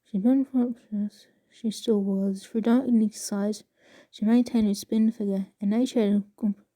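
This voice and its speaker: A woman casually reading passages aloud with a halting, stumbling delivery and soft asides. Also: mid-range voice, steady tone. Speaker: video creator reading excerpts aloud.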